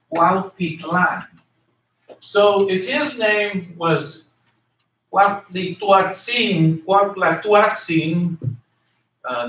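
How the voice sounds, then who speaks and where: A man's voice: on the high side, a bit bright, reverberant. A man teaching a class in a conversational way, asking his students questions and repeating key words, recorded in a classroom from far off. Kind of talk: classroom lecture.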